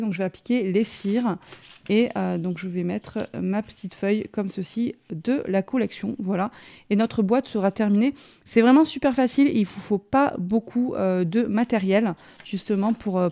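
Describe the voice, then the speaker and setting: Gravelly-voiced woman explaining a craft project. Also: medium pitch, dark tone. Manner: chatty, explains step by step while working. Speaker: craft tutorial presenter. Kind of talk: casual hands-on craft tutorial.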